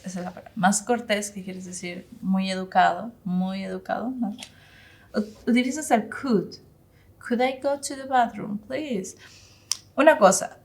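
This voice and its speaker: Woman teaching English in Spanish. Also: creaky. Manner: explains in Spanish, models English phrases slowly with rising pitch; hesitant, searches for words with many fillers. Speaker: English instructor. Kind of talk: informal online language lesson.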